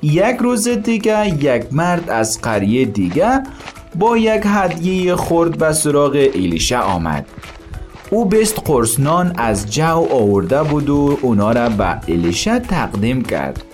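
A man's voice: on the high side, very animated, darkish tone, faint music behind. A man telling a Bible story to his daughters as a father. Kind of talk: storytelling to children.

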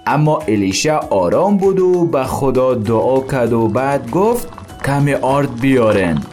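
A man's voice: medium pitch, sing-song, a little mellow, soft background music. A man telling a Bible story to his daughters as a father. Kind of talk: storytelling to children.

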